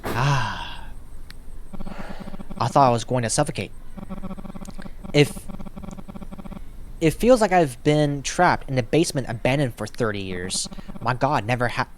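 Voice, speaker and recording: A gaming YouTuber comments on a game as he plays, reading text aloud and musing thoughtfully to himself. His medium-pitched voice is animated but a little slow, with frequent pauses, and the rough recording has slight background noise.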